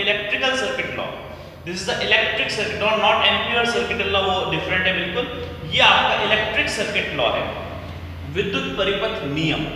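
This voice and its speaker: A man's voice: high voice, sharp tone, slight background noise. A man in his thirties teaching physics at a whiteboard in a small classroom, explaining step by step and repeating key points back as questions. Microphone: camera mic from across the room. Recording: echoey room picked up from a distance.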